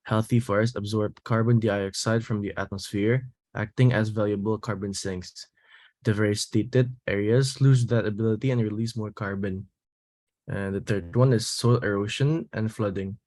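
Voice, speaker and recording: A young man with a fairly low voice presents to his class, reading steadily from his slides. He speaks English as a second language, his first being Indonesian, and trips over a word now and then. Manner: steady, reads from slides with small restarts. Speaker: student presenter.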